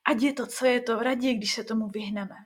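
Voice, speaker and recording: A woman's voice: fairly high pitch, steady tone, natural voice. A woman voicing a protective, stubborn grandmother in a storybook reading, firm and plain-spoken.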